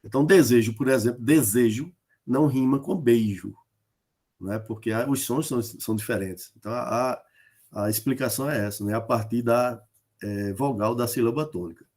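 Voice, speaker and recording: This man speaks at a normal speed in a mid-range, darkish voice. He's a Northeast Brazilian lecturer giving an online lesson on folk-poetry rhyme, hesitating often, leaning on fillers and tag questions, and illustrating points with spoken examples.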